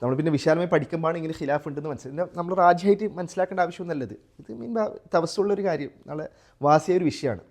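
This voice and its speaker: A man with a Malayali accent teaching a Quran recitation class, quizzing his students and chanting example verses slowly. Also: a little high, darkish tone. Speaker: tajweed teacher. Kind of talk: live class lesson with students.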